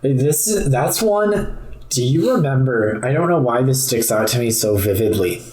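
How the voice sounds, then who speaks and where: A man's voice: medium pitch, expressive, a little slow, a little mellow, echoey room, rough recording. A young man co-hosting a podcast, chatting casually with dry jokes. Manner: dry, joking. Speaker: podcast co-host. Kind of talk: casual chat.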